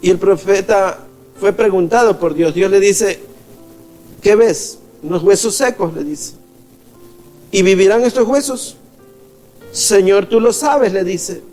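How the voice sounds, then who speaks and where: A man preaches a sermon in a very high voice, drawing out his words slowly. He addresses the congregation as beloved and voices the figures in his stories. Soft music plays faintly beneath him. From Ecuador. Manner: preaching, calls the congregation "amados", acts out quoted voices. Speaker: pastor.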